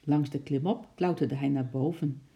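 A narrator reading a children's book aloud in a calm, measured way. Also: medium pitch, muffled recording.

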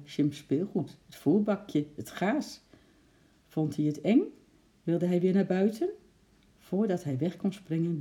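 A woman narrates a children's story with a lively, expressive delivery. Her tone is very dark and mellow, never bright or sharp. She keeps stopping to pose suspenseful questions to the listener. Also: low-pitched. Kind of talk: reading a children's story aloud.

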